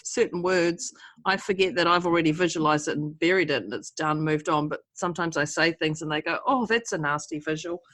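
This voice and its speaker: A woman's voice: deep voice, fairly even intonation, brisk, fairly bright tone. A woman with a New Zealand accent chatting casually as a podcast co-host, giggly, blunt and self-deprecating. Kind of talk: casual chat.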